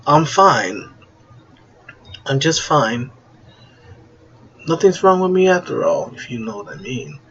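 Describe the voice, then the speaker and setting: A man's voice: mid-range voice, sing-song, slow pace, long pauses, a bit bright, husky, exaggerated voice. Man as butler-ish companion; formal, stiff, lo-fi. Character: male companion with butler-like airs.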